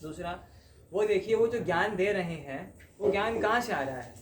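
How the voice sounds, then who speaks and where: Guy teaching a spiritual class, chatty, kinda high voice, echoey room w faint hum behind. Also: animated, normal speed. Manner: conversational, checks in with the listeners. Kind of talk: devotional class talk. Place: class room with a live audience. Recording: roomy hall with faint ambience.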